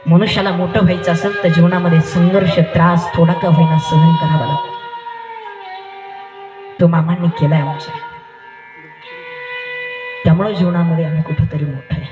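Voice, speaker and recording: A man's voice: fairly high pitch, fairly even intonation, normal speed, long pauses, muffled recording. An emphatic male preacher delivering a devotional sermon in a sing-song, repeating cadence. His voice rings through an echoey room, with live music playing behind him. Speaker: kirtan preacher.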